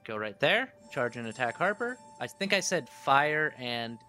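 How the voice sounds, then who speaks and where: A man's voice: medium pitch, sing-song, unhurried, pushed and bright, faint music behind. A man bantering casually as a player at a tabletop role-playing game.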